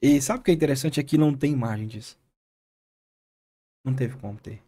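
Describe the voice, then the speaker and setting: A man, a pastor with a Brazilian accent, earnestly retelling a moving experience as a podcast guest, with halting restarts. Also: mid-range voice, warm tone. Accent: Brazilian Portuguese. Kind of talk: podcast interview storytelling.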